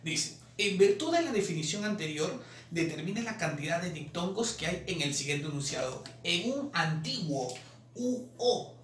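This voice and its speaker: Brief: man teaching, slow repetitions, bright tone, faint background noise. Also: high-pitched, sing-song. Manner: drawn-out repetition of syllables, explanatory. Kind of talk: exam solution lesson. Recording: roomy, distant mic, faint noise.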